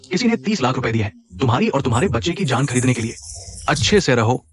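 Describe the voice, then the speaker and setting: An actor dubbing a jealous, cruel ex-lover who taunts and threatens. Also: male voice, medium pitch, big pitch swings, fast talker, lightly acted. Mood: menacing.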